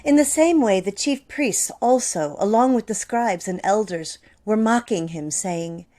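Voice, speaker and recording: A woman narrating a Bible passage in a church dramatic reading, in an even, deliberate way. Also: medium pitch. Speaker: scripture reader.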